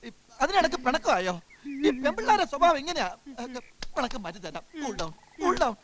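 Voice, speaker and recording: An actor with a Malayali accent playing a loud, meddling bearded friend in a film comedy scene. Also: male voice, very high voice, very animated, moderate pace, crowd noise. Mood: teasing. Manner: loud, boisterous. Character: bearded jolly pal Bhairavan, loud and meddling.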